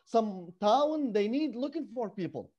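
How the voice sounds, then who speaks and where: Male guest, activist; high, warm voice; emphatic, English; slightly muffled recording. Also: lively intonation, a little slow. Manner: earnest and emphatic, non-native English with broken grammar. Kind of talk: conversational interview.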